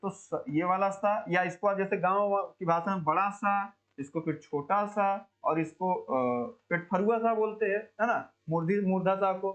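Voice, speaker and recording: A man teaching an exam coaching lesson, quizzing students and slowly repeating words to drill pronunciation, chatty and calling listeners brother. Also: high-pitched, a bit bright. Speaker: Hindi teacher.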